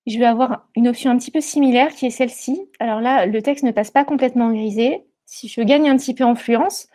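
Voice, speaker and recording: A woman leads a live online demo through an earpiece headset. Her voice is fairly high but mellow and soft-edged. She stops and restarts often and fills pauses as she talks. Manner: hesitant, many fillers and restarts. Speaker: presenter of a product webinar. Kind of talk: live webinar screen-share demo.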